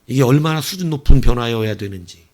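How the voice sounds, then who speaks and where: A male pastor preaching a sermon, telling the story with animated bursts as he acts out quoted lines. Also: mid-range voice, fast talker.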